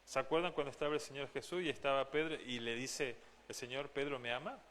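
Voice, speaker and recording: A man's voice: mid-range voice, fast, fairly bright tone, slight background noise. A man from Argentina, preaching a sermon as pastor, earnest and direct, often asking the congregation questions. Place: church.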